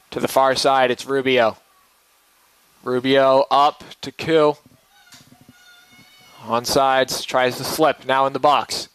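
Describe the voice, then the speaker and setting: A man's voice: mid-range voice, a bit bright, clean tone, low-quality recording. A man calling live soccer play-by-play in clipped, running phrases. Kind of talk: live sports commentary.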